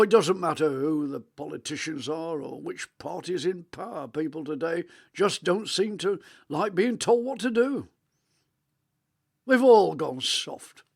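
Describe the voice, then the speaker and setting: A man, playing a rambling, reminiscing elderly grandfather on a video call in a radio monologue; his voice is rich and melodious, with halting restarts. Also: high-pitched, vocal fry, full character voice. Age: 80s.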